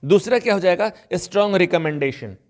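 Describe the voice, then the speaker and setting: A man teaching an online grammar lesson in a conversational way, reading example sentences slowly and deliberately. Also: sits high, expressive, darkish tone. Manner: conversational, addresses viewers as friends. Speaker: English teacher.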